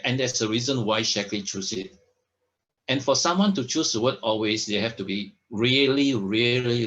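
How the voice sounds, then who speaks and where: A man's voice: mid-range voice, fairly bright tone. A man presenting products in a sales talk, emphatic, often checking in with "all right?" and "okay?". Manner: emphatic, stresses words by repeating them.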